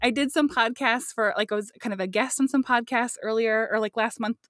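A woman co-hosting a podcast in casual chat, talking from inside a clothes closet into a laptop, chatty and quick to giggle with trailing fillers. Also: fairly high pitch, fairly bright tone, dry recording, studio quality. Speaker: podcast co-host. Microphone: laptop recording.

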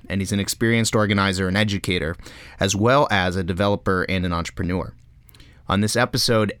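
A male podcast host with a lowish voice delivers a composed, scripted opening, then moves into easy, friendly questions. The sound is close and dry, with no room in it. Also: fairly bright tone, no room sound. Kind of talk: scripted intro, then interview chat.

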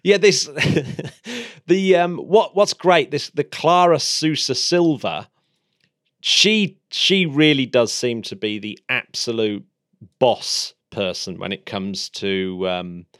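A man's voice: mid-range voice, takes it slowly, fairly bright tone, no room sound, clean studio sound. A man in a casual science chat, hesitant and hedging, with many restarts. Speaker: podcast co-host.

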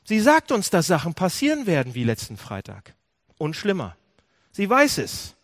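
A man's voice: high voice, moderate pace, no echo, clean studio sound. A man preaching a sermon, asking his listeners questions and often restarting or correcting himself mid-phrase. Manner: animated preaching, asks the audience questions. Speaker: pastor. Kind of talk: sermon to a congregation.

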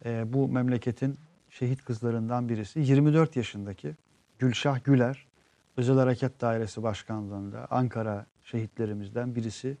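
Hosting a casual live stream, a man with a dark, mellow, medium-pitched voice reads viewer comments aloud and explains things at length. His tone stays steady, earnest and unhurried, though he often trails off into long fillers. The recording is close and dry, with no echo.

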